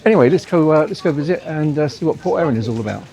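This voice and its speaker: A man's voice: on the high side, animated, rapid-fire, warm tone, soft background music. A man hosting a travel vlog, chatty, upbeat and self-deprecating as he talks through a railway day trip. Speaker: travel vlogger. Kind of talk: casual travel vlog narration.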